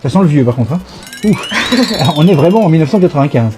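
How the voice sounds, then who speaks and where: A man's voice: fairly high pitch, expressive, fast, music in the background. A middle-aged man with a stuffy cold hosting a casual live gaming stream, chatty, playful and nostalgic. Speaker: host.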